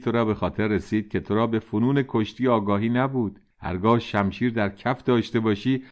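Storybook figure: a young, confident prince, calm and formal, low lively voice, as a male narrator reads him. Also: natural voice. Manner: calm, formal old-fashioned speech. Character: young strong self-assured male prince.

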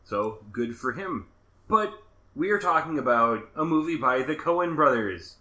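Bright-voiced man hosting a podcast. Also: medium pitch, animated. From Minnesota. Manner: chatty, quick asides and self-corrections. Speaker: podcast host. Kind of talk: casual podcast chat.

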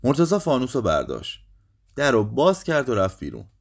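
A man reading a short story aloud, lively, raising his voice for the quoted lines. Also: mid-range voice, gravelly, slightly rough. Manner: lively, acts out quoted speech with raised voice.

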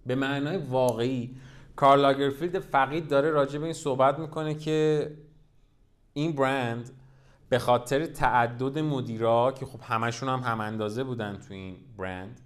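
A man hosting a podcast, telling a brand's history in a casual, lively storytelling way with rhetorical questions. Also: mid-range voice. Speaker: podcast host.

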